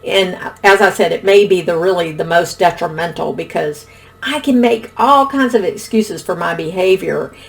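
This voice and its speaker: A middle-aged woman explaining communication styles in a calm, instructional video lesson. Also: on the low side, normal speed, creaky. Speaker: relationship educator.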